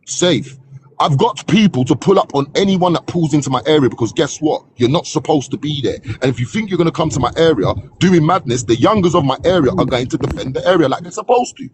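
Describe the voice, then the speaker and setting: A man with a London accent in a heated live online argument, loud and sharp, repeating himself insistently, cutting in and using slangy street talk with swearing. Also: on the high side, lively intonation, quick pace, background noise. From Hackney, London, England. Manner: loud, sharp, shouting over others; repetitive, insistent, interrupting.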